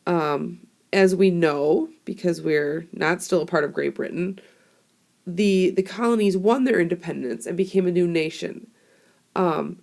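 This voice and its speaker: Her voice hoarse from a cold, a young teacher records a classroom screencast on a tablet microphone, explaining in a relaxed, chatty style full of fillers. The tone sits a little low, with a gravelly, crackly edge that's a little mellow.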